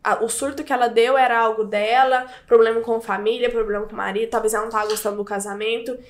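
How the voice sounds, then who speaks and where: Fast-talking makeup artist woman. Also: fairly high pitch, fairly even intonation. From Brazil (Goiânia). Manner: earnest, heartfelt, frequent "you know?" asides. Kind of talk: personal storytelling monologue.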